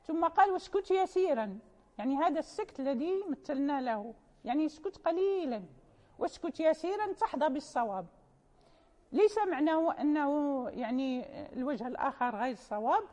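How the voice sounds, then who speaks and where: In an informal classroom lecture with big-room sound, a woman with a high-pitched, darkish voice teaches Quran recitation. She explains patiently and quotes verses and poem lines in a chanting lilt.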